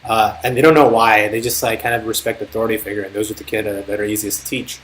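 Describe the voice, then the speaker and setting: A man's voice: on the low side, steady tone, fast talker, fairly bright tone, a little hiss or hum. A young man chatting casually on a live stream, telling a rambling, profane story as a tutor. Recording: faint music behind. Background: faint music.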